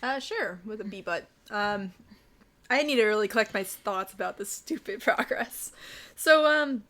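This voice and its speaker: A woman co-hosting a casual podcast, chatting and teasing, with soft R's that come out like w. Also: medium pitch, lively intonation, normal speed. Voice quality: trouble pronouncing R, says w for r. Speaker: podcast co-host.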